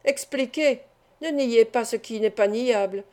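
A woman's voice: a little high, unhurried, a little mellow, lightly acted. A woman voicing a stern male investigating judge in an audiobook, questioning coldly and severely.

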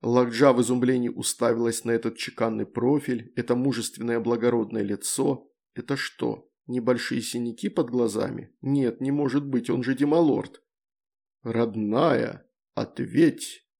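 A man reading fantasy fiction aloud in an even, measured narrating voice. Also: medium pitch, creaky. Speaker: audiobook narrator. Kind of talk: scripted narration.

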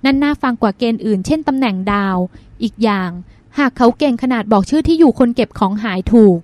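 A woman reading the part of a thoughtful, earnest woman doctor in an audiobook, speaking in a measured, reasoning way. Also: a little high, animated, darkish tone, no echo, lightly acted. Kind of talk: audiobook dialogue.

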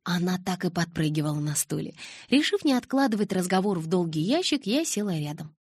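Husky woman reading a novel aloud. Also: lowish voice, sing-song, brisk, a little mellow, no room sound, studio quality. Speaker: audiobook narrator. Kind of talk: first-person novel narration.

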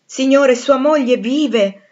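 A woman's voice: mid-range voice, normal speed, dull audio, lightly acted. A woman voicing a firm, principled young governess in an audiobook reading, restrained and earnest.

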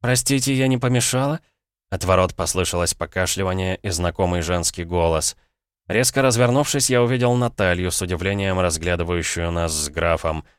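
A male audiobook narrator with a very deep, smooth and resonant voice. He reads first-person prose at a measured pace with a dry wit. The recording is dry and close, with no room sound. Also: steady tone, no echo.

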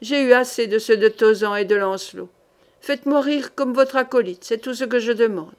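A woman's voice: fairly high pitch, moderate pace, natural voice. A merry old king, as a woman reads him. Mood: delighted. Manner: exclaiming, laughing loudly. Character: jovial mad old king, delighted.

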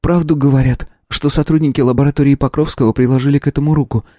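Young woman lab scientist, tense and earnest, played by a man; mellow, dry audiobook read. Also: mid-range voice, fairly even intonation, fast talker, no echo, lightly acted.

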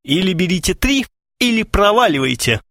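Man doing a snooty bookshop clerk, curt and dry, highish voice. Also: big pitch swings, moderate pace, fairly bright tone, no room sound, full character voice. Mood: haughty. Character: haughty male bookshop clerk, curt and stingy.

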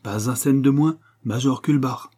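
A man's voice: mid-range voice, a little slow, dark tone, slightly rough, voice pushed up. A man playing an ironic, self-assured English lord.

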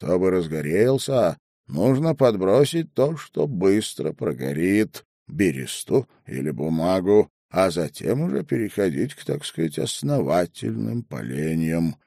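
A man reads an audiobook with measured, dramatic storytelling. His voice is low and mellow, and the recording sounds dry and close. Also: big pitch swings, creaky, no echo. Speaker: audiobook narrator. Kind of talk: expressive audiobook narration.

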